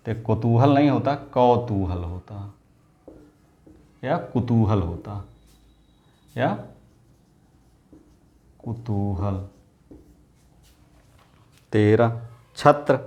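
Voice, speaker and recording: Male tutor at a mid pitch, drilling words over and over with quick questions to the class. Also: a little mellow, highs cut off. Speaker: teacher. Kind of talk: exam-prep lesson.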